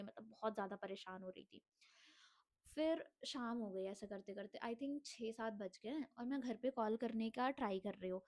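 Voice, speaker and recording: A young adult woman, unwell and coughing, tells her own life story in an earnest vlog monologue, mixing Hindi with English phrases. Her voice is on the high side with a darkish tone.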